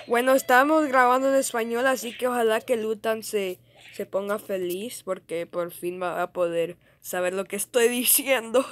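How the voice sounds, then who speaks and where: A woman giving casual, excitable gameplay commentary, shrieking and laughing at in-game deaths and dropping English exclamations into her talk. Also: mid-range voice, dry recording. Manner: code-switches with English exclamations. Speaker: gaming video creator.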